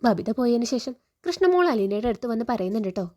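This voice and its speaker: A woman's voice: a little high, sing-song, fast talker, dark tone. A woman with a Kerala Malayalam accent, retelling a TV serial episode in a chatty storytelling way, tagging friendly particles onto her sentences. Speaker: serial story recap narrator.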